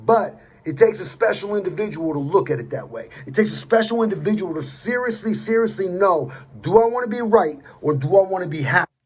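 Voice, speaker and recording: A man's voice: high voice, animated, a little fast, slight background noise. A middle-aged man giving a blunt, streetwise motivational talk, swearing at times and repeating himself. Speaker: motivational speaker. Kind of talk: motivational monologue to camera.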